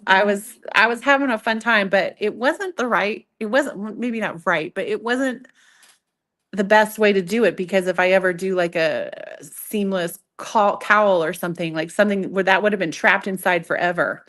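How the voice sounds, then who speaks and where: A woman's voice: mid-range voice, a bit bright. Chatty woman teaching a live craft workshop. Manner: chatty, self-interrupting, playfully self-mocking. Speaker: craft instructor demonstrating sock knitting. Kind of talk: live workshop demonstration with casual chat. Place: live in-person event with an audience. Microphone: event microphone.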